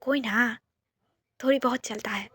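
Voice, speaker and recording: A loud, mock-outraged young brother who teases his sister and her partner without letup, as a woman narrator puts him on. The voice sits high and dry, read close for a storybook. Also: steady tone, a little slow, slightly rough, no echo, full character voice. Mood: teasing, mock-indignant. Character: teasing protective young adult brother.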